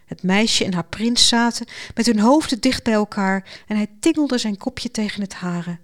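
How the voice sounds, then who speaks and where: A woman narrating a modern fairy tale with lively, expressive storytelling. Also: medium pitch, normal speed.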